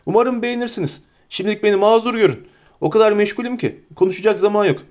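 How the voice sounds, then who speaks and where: A man doing a stout, forgetful innkeeper, lifted well above his own pitch and rushing his words. He chatters in a flustered, bustling rush, as in an audiobook. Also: natural voice. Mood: hurried.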